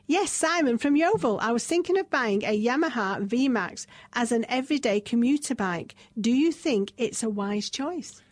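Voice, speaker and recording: Woman, radio co-host, reads listener questions, dry close sound, higher voice. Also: animated, normal speed, hardly any pauses, no room sound. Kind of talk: reading out listener messages.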